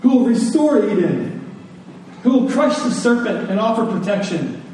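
A man with a high, sing-song voice and a dark tone preaches a sermon to his congregation at a normal speed, leaning on rhetorical questions and repeated phrases for emphasis. The recording comes from a distant mic in a very echoey room, with faint noise.

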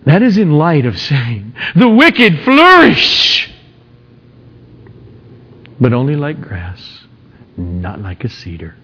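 A man preaching an expository sermon in an emphatic, dramatic manner, with rhetorical questions and swings between hushed and forceful delivery. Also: mid-range voice, big pitch swings, a little slow, a little hiss or hum. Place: large reverberant room. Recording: dull, echoey large hall.

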